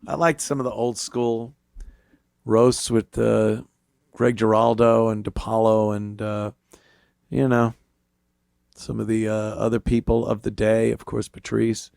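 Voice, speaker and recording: Jaded, gravelly male talk host. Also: on the low side, little pitch movement, measured pace, a little mellow, dry recording, clean studio sound. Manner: blunt, profane, jaded. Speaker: talk show host, comedian. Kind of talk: casual opinion monologue.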